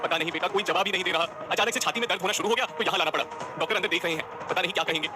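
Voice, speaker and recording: A man puts on a middle-aged mother in an audio story, sobbing and urgent. The pitch climbs well above his own, with music playing underneath. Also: rapid-fire, close to an everyday voice. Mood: distraught. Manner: tearful, urgent.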